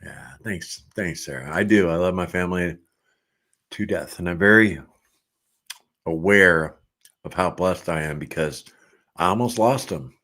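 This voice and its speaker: A middle-aged man speaks in a low voice while hosting an easygoing livestream. He reads viewer comments out loud, chats casually, and often laughs.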